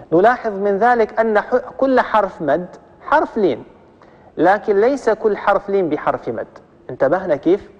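A man with a Libyan accent teaching tajweed rules in a religious lesson, explaining step by step, repeating each rule and drawing out the example words slowly. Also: fairly high pitch, big-room sound, muffled recording. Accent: Libyan Arabic. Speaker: Quran recitation teacher.

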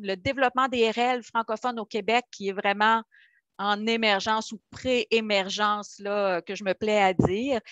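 A fairly high-voiced woman with a Québécois French accent moderates a live online webinar. She talks with chatty enthusiasm and plenty of hesitations. Her voice comes through dry and close, with little room sound, over a video call. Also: dry recording. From Quebec, Canada. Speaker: webinar host.

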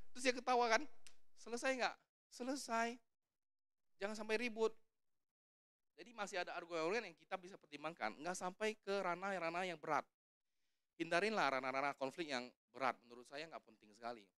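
An evangelist preaches a conversational sermon at a church service, casual and joking, putting questions to the congregation. His voice is fairly high and a bit bright, with a clean, echo-free studio sound.

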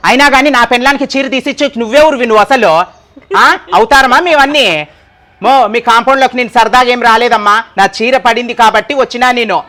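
Indignant man with a very high voice. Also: steady tone, fast talker, bright, forceful tone. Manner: indignant, pleading and complaining. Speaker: complaining neighbor in a comedy skit. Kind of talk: scripted comedy skit.

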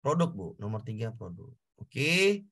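A man's voice: lowish voice, sing-song, measured pace, a bit bright, husky. A man tutoring an online class, explaining exam answers step by step, repeating key points and addressing students directly.

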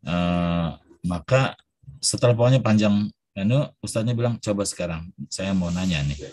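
A man's voice: low-pitched, normal speed, a little mellow, a little hiss or hum. A man telling a story while teaching an Arabic class, acting out the dialogue.

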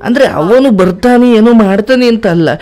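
A man's voice: very high-pitched, normal speed, a little mellow, faint music behind. A man giving spiritual advice as a host, earnest and preachy, ending with blessings. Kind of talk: advice talk.

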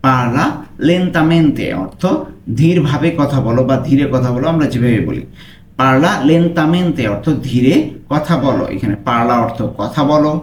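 A man tutoring a language lesson, repeating each phrase and stretching out the foreign words slowly. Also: mid-range voice, a little mellow, reverberant, slight background noise.

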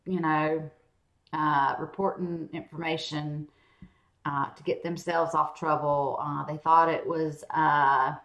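A woman's voice: fairly low pitch, creaky, bright, forceful tone. A middle-aged woman with a Southern American accent, chatting casually and joking as she hosts a reaction video. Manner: chatty and joking, with frequent laughs. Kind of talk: casual chat.

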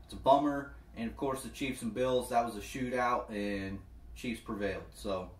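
Male vlogger, casual and hyped, slangy, mid-pitched, roomy echo. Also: normal speed. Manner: excitable, slangy, says "bro" often. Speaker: sports picks vlogger. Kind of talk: casual vlog talk. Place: apartment.

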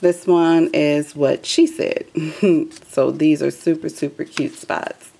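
A woman's voice: sits low, steady tone, slow, vocal fry, dark tone, slight background noise. A woman hosting a craft video, chatting loosely with many ums as she shows her work at a table. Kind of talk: casual craft walkthrough.

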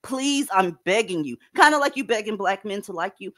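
A woman's voice: mid-range voice, animated, fairly quick, a bit bright. Woman host, blunt and cussing, with a bouncy, swinging voice. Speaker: podcast host. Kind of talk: profane commentary chat.

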